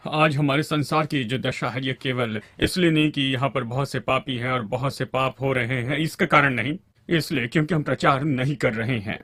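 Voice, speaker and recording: A man's voice: mid-range voice, fairly even intonation, moderate pace, fairly bright tone, dry recording. A man preaching a sermon to a congregation and calling for amens along the way.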